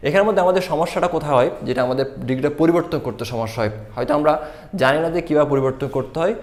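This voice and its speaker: A male teacher walks through a grammar lesson at a quick clip. He repeats key points and answers his own questions as he goes. His voice sits at an ordinary pitch. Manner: repetitive explaining, asks and answers own questions.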